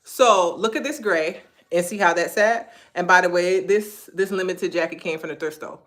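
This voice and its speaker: A woman's voice: lowish voice, normal speed. A woman with a Gullah Geechee accent, hosting a casual live-stream fashion chat at home and teasing her husband between points. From Beaufort, South Carolina, USA. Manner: animated, chatty, teasing asides to her husband. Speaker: clothing brand owner hosting a live stream. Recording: echoey room.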